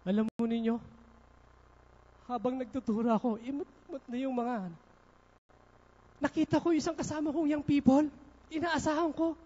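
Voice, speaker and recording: A man's voice: extremely high pitch, steady tone, moderate pace, pauses often, warm tone. A male pastor preaching a sermon at a church service, telling personal stories with frequent asides to the congregation. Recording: dull lo-fi livestream recording.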